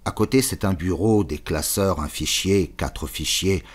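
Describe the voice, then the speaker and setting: Deep-voiced man reading a novel. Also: slightly rough. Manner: measured, choppy literary phrasing. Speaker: audiobook narrator.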